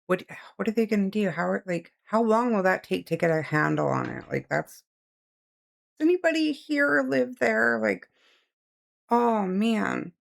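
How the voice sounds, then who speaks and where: A woman's voice: mid-range voice, very animated, measured pace, creaky. A woman reacting to clips in casual chat as a show host.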